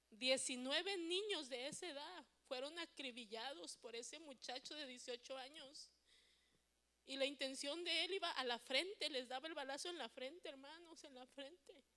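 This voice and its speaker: A woman with a high, bright voice preaching with fervent, pleading emotion. Her voice rings out in the long reverb of a church hall. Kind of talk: impassioned sermon and prayer.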